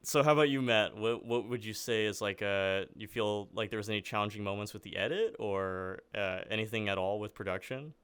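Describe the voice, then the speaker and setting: A man's voice: lowish voice, fairly quick, few pauses, fairly bright tone, clear, resonant tone, no echo. A young man hosting a casual podcast chat, laughing often and filling his sentences with "like". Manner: laughs often, lots of "like" fillers. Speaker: podcast host.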